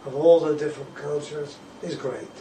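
A man's voice: on the high side, fairly even intonation. Older man, echoey room. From England. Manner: unhurried, halting with fillers. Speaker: guest. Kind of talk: casual self-introduction. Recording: echoey room, distant mic, noisy.

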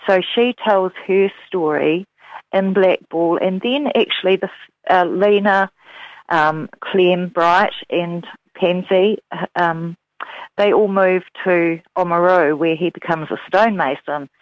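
A woman with a fairly low voice speaks slowly as a guest novelist discussing her book in an interview. She sounds hesitant, with many fillers and restarts, on a dull, lo-fi recording that has no echo.

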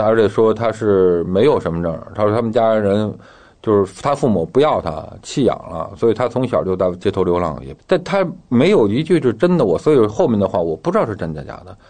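A man's voice: fairly low pitch, lively intonation, brisk, warm tone. A man telling his own story in casual talk, acting out the dialogue as he goes, with guitar music behind him.

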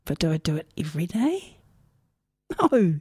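A woman's voice: on the low side, big pitch swings, normal speed, darkish tone, husky, dry recording, clean studio sound. A woman with a New Zealand accent hosting a community radio music show, chatting casually in musing, unscripted asides. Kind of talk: casual radio chat between songs. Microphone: close radio studio microphone.

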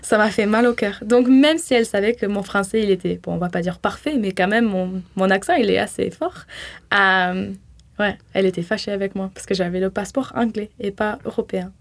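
A woman with a Toulouse French accent speaks in a mid-range voice. She talks as a relaxed interview guest, chatty and quick to laugh, sometimes pausing to search for a word. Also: mid-range voice. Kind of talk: casual conversational interview.

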